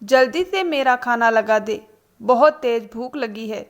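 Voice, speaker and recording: A quick-tempered mother-in-law in her later years, voiced by a woman storyteller. She scolds loudly in a fairly high voice, taking her time over each line. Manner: scolding, loud.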